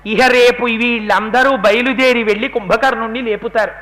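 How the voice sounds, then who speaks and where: A man's voice: very high-pitched, fairly even intonation, moderate pace, a bit bright, rough recording. A man giving a devotional sermon, telling a sacred epic dramatically, acting out quotes and moving into chant. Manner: dramatic storyteller, acts out quotes, breaks into chant. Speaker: religious discourse speaker.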